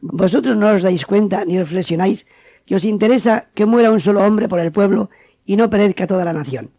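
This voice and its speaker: A man's voice: sits high, brisk, warm tone, no echo. A man playing a cold, scheming priestly elder who speaks in a stern, reproachful way. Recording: dull, dry studio sound.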